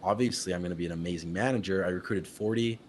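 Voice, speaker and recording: A young adult man from Utah, a company founder as interview guest, telling his story in casual talk, lively and laughing often, acting out what people said. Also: sits low, fast, slight background noise. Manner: animated, laughs often, acts out quotes.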